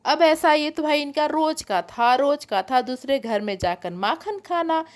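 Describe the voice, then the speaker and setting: A woman's voice: high-pitched, expressive, measured pace. A woman narrating a devotional story in a homely, chatty way, addressing her listeners as friends.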